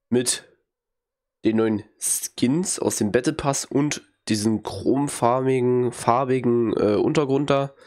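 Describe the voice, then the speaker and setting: This is a gaming streamer, a young man fighting a cold, with a medium-pitched and slightly mellow voice. Into his headset in a small home room, he gives casual, blunt, slang-heavy commentary on a video game, tossing out mocking reactions and coughing occasionally.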